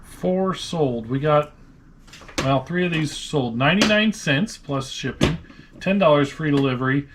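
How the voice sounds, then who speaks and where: Sorting and pricing items for his vlog, a Nebraska-based online reseller speaks unhurriedly in a higher-pitched voice with a Midwestern American accent. His talk is casual, joking and thinking aloud, recorded in a noisy room with clicks.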